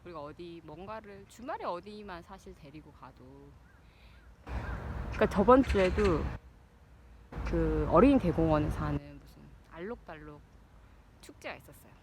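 A woman's voice: lowish voice, lively intonation, moderate pace, pauses often. A woman in her thirties chats casually to listeners while out running, like a personal vlog. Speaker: vlogger, a parent. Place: outdoors, out exercising. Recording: noisy outdoor recording, uneven level.

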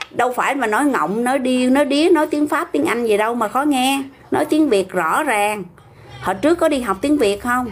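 A woman's voice: fairly high pitch, a little hiss or hum. An older woman with a Southern Vietnamese accent, hosting a casual livestream, talking back bluntly and argumentatively to viewer comments.

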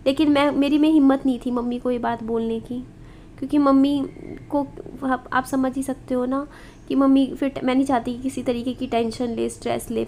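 A woman's voice: sits high, mellow, a little hiss or hum. A woman in her thirties filming a home vlog as she walks through a house indoors, talking confidingly to her viewers and putting rhetorical questions to them. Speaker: vlogger.

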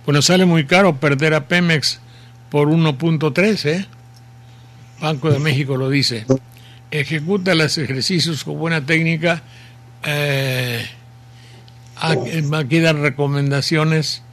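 Slow and unhurried, an older man with a Mexican accent reads listener messages on his radio show in a casual, rambling, folksy manner. His voice is fairly high, fairly even in intonation and a bit bright, with a sore throat, and the setting is a home study with bookshelves.

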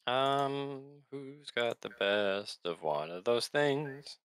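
A man's voice: medium pitch, lively intonation, takes it slowly, a bit bright, clean tone, dry recording. A man chatting casually as a player in a tabletop game.

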